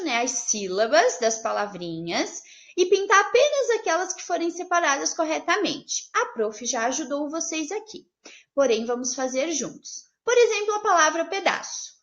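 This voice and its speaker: A woman teaching young children from afar, her voice high and full of swooping rises and falls. She talks in slow, sing-song phrases and breaks words into syllables for her pupils. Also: a bit bright, muffled recording. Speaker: primary school teacher. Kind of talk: remote class lesson.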